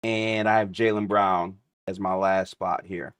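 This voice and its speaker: A man hosting a casual group voice chat, running the picks in a relaxed, slangy way with plenty of "uh" and "um". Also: sits low, a little slow, clean tone, no room sound. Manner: laid-back, slangy, fills with "uh" and "um". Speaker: host running a group prediction draft.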